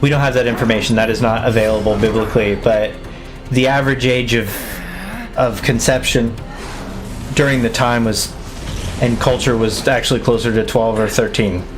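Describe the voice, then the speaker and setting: A man's voice: mid-range voice, fairly even intonation, moderate pace. Mid voice guy on a stream, lots of ums, music going behind him. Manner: hesitant, many ums and restarts. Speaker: stream co-host. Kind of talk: casual podcast chat.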